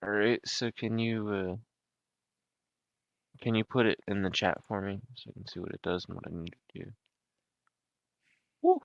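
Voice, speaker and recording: A man with a very deep voice runs a tabletop game over an online call, hesitating with frequent ums. He narrates the fights with joking sports-commentator flair, and the sound is close and dry. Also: very animated, moderate pace, vocal fry, long pauses, no echo, lo-fi sound. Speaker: game master.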